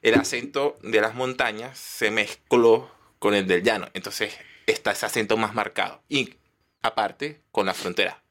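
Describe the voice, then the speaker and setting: A man's voice: fairly low pitch, steady tone, normal speed, fairly bright tone. Chatty Venezuelan man, casual. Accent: Venezuelan, Táchira. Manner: chatty, rambling, gossip-loving. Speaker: guest comedian. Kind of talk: casual chat between friends.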